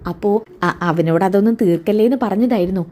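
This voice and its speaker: A woman's voice: mid-range voice, fairly quick, warm tone, natural voice. A woman voicing a scheming young man who stammers through excuses when caught, read in a storytelling retelling of a TV serial. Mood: flustered.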